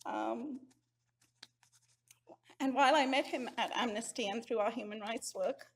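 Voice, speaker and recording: A middle-aged woman from Sri Lanka, giving an earnest, heartfelt memorial eulogy at a measured pace. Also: a little high, a little hiss or hum.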